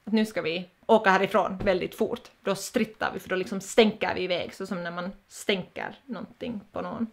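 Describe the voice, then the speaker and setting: A woman's voice: medium pitch, fairly even intonation, creaky, hardly any pauses. A woman in her twenties with a Finland Swedish accent, chatting playfully in a casual vlog and dropping in English phrases. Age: 20s. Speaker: vlogger. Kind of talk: casual vlog explaining words.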